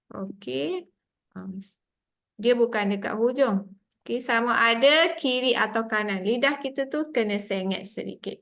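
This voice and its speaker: A woman teaching Quran recitation gives an online tajweed lesson in a Malaysian Malay accent, explaining the sounds patiently one step at a time. Her voice is on the high side with a fairly bright tone.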